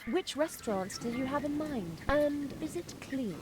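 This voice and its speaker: A haughty young upper-class lady from an adventure game. Her voice is on the high side and moves expressively through sarcastic, dismissive remarks. Clear noise runs behind her. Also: lively intonation, normal speed. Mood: skeptical. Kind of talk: animated adventure game dialogue.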